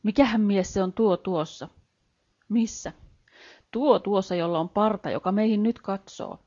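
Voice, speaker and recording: A woman's voice: medium pitch, mellow, lightly acted. A woman voicing a timid, wide-eyed peasant wife on her first train ride, asking anxious, chattering questions, in a dull lo-fi audiobook recording. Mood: curious.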